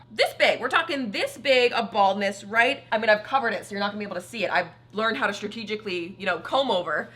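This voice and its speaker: A young adult woman vlogger chatting casually and telling a personal story with animated, dramatic emphasis while she styles her hair. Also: medium pitch.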